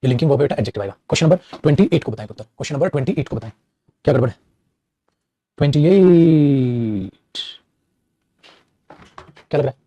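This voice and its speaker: Male grammar teacher, mellow slightly high voice, dry close sound. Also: expressive, slightly rough, no room sound, highs cut off. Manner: calls students "beta", reads sentences slowly. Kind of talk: exam error-spotting lesson.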